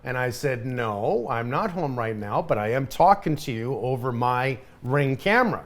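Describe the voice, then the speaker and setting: A middle-aged man tells a story on his own podcast in an animated, emphatic way. His speech is casual, and he keeps circling back to the same points. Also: mid-range voice, moderate pace. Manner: animated, emphatic, repeats himself. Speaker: podcast host.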